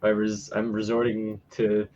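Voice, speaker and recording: A man's voice: on the low side, completely flat delivery, measured pace, darkish tone, slight background noise. A man chatting casually on a podcast in a hesitant, noncommittal way, often trailing off. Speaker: podcast panelist. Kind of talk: casual chat. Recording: dull lo-fi voice chat.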